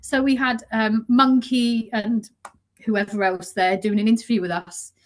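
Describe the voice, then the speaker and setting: British woman, higher voice, swearing storyteller. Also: measured pace. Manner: animated storyteller, swears freely, laughs. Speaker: guest, music journalist. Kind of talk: casual anecdotal chat.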